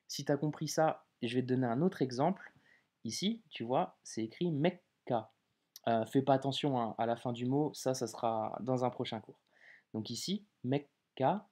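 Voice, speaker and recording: Male tutor, mellow voice, chatty and informal, slows down on sample words. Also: mid-range voice. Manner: informal, addresses viewer as tu, drawn-out example words. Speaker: Arabic reading teacher. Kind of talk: casual video lesson.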